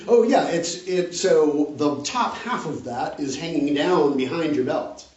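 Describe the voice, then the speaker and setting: Male rector, mellow voice, talks things through patiently, recorded from a distance with a dull sound. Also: a little high, measured pace. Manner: explains patiently, often checks with "right?". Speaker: rector leading a parish Q&A. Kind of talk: casual group discussion. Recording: roomy, distant, dull audio.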